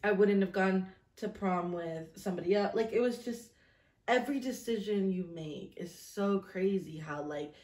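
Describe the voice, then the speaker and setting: In an echoey small room, a vlog host in her thirties sits at a table, reading aloud from an old journal and chatting casually. Her voice is medium in pitch, a little mellow, at a normal speed. She pokes fun at herself as she tells stories.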